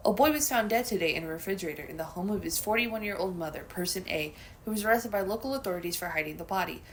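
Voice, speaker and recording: A woman's voice: fairly low pitch, quick pace, a little hiss or hum. A woman playing a video game, commenting and reading game text aloud. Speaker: gaming video player.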